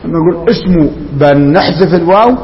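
A man's voice: on the high side, normal speed, in a large hall, dull audio. A man with an Egyptian Arabic accent teaching a classroom grammar lesson, quizzing students and repeating their answers.

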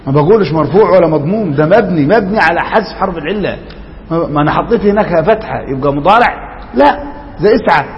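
A man's voice: a little high, lively intonation, quick pace, big-room sound, highs cut off, a little hiss or hum. A man with an Egyptian Arabic accent teaching a classroom grammar lesson, quizzing students and repeating their answers.

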